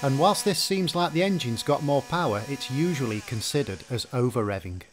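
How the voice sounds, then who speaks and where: Male narrator for a repair tutorial; methodical, lively pitch, mid-range voice. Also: normal speed, a little hiss or hum. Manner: methodical, explanatory. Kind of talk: scripted instructional narration.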